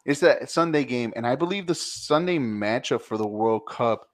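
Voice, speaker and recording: Mid-pitched man, casual, rambling sports talk. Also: expressive, moderate pace. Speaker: podcast co-host. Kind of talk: casual sports podcast chat.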